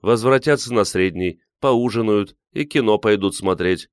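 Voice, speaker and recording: A man reading an audiobook, voicing a sharp-tongued, bitter young woman who mocks her friends. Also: fairly low pitch, moderate pace, clean tone, no room sound, studio quality, voice pushed up, close to an everyday voice. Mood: mocking. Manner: mocking, biting.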